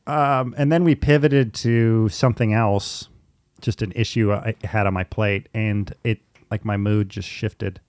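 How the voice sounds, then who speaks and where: This podcast host, a man in his thirties who is also a therapy client, chats casually and candidly, laughing easily as he goes. His voice is fairly low and smooth with a darkish tone, fairly even intonation and an unhurried pace. The recording is dry.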